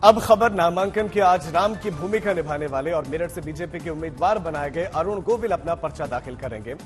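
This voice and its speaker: A man's voice: on the high side, fairly quick. A man working as a news anchor, reading a scripted bulletin. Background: music bed.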